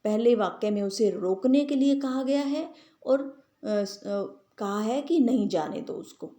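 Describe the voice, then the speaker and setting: A woman's voice: a little high, a little slow, dark tone. A woman teaching a grammar lesson to students. She explains patiently and keeps checking that they understand with short tag questions. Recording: echoey room.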